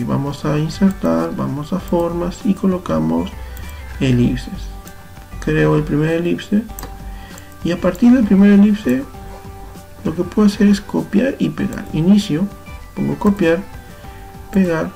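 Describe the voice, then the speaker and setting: Young Peruvian man, patient computer teacher; rough, dark voice over quiet music. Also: on the high side. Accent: Peruvian Spanish. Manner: patient, step-by-step, self-correcting. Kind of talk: screen-recorded software tutorial.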